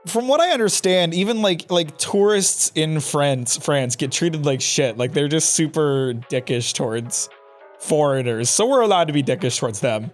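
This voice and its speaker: A man's voice: fairly high pitch, expressive, moderate pace, faint music behind. A man co-hosting a podcast, casual chat with dry profane jokes. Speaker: podcast co-host.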